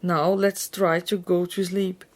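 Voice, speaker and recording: A woman's voice: lowish voice, little pitch movement, measured pace. A woman voicing a storybook mother with theatrical, declaiming delivery. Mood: coaxing. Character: dramatic, reassuring mother in a storybook.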